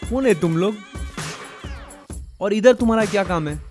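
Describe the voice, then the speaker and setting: A swaggering local tough in a Hindi film dub, bossy and mocking, speaking Mumbai street Hindi. His voice is high for a man and moves lively up and down. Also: normal speed, soft background music. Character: swaggering young male local tough, protective.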